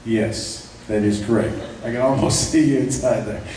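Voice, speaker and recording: A man introducing his vocal ensemble at a live concert, halting with fillers and light jokes. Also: medium pitch, fairly even intonation. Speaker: ensemble director introducing singers. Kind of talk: live concert emcee talk. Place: church sanctuary. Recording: echoey church, distant mic, faint noise.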